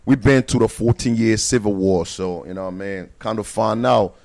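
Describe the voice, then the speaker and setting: A man's voice: lowish voice, fairly even intonation, moderate pace, a little mellow. A man from Liberia, a personal trainer and bodybuilder, telling stories in a laid-back way with streetwise slang in a casual interview.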